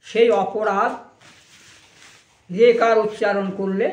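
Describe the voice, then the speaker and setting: High-voiced man preaching slowly. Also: little pitch movement, reverberant, highs cut off. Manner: slow, measured explaining with sung verse lines. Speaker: kirtan and katha preacher. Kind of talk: devotional sermon with recited verses.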